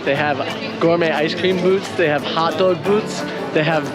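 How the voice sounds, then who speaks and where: A man's voice: a little high, steady tone, moderate pace, over a noisy crowd. A man with a Brooklyn accent chatting casually and playfully to the camera as a travel vlog host. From Brooklyn, New York. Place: outdoors. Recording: loud music, outdoor vlog sound.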